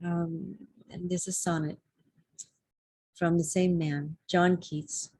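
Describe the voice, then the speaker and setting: Slow, mellow woman reading poems. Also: fairly low pitch, level tone, slightly rough, dry recording. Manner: measured, deliberate recitation. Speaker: poetry reader. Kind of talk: poetry reading. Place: public library.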